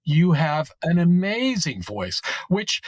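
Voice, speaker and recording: A man's voice: a little high, very animated, takes it slowly, no room sound. A middle-aged man hosting a podcast, talking earnestly and rambling a bit, often adding "right?". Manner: rambling, earnest, tag questions. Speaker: podcast host. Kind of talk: casual interview.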